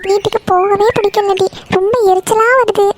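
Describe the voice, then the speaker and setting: A woman's voice: very high-pitched, steady tone, fast, noisy background. A woman voicing an irritable college girl. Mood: irritated, curt. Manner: irritated, curt. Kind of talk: Tamil cartoon voice acting.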